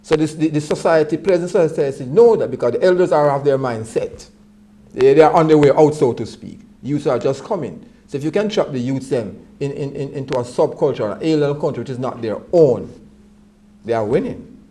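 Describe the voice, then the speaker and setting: A man's voice: on the high side, fairly quick, mellow. A man speaking in a Rastafarian manner, reasoning earnestly and often repeating words as he reaches for his point.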